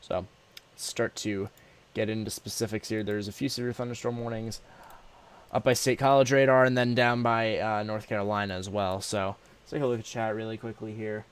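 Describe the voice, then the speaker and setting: Male weather streamer, low clear voice, nursing a sore throat; informal, halting, off the cuff. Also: level tone. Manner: informal, halting, addressing viewers as y'all. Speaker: weather livestream host. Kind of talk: live weather commentary, casual and unscripted.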